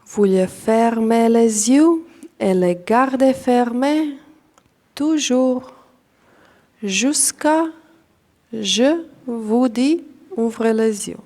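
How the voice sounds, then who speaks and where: A yoga nidra meditation is guided in French by a woman instructor with a non-native accent and a fairly high pitch. She keeps a calm, deliberate pace of short phrases and long pauses.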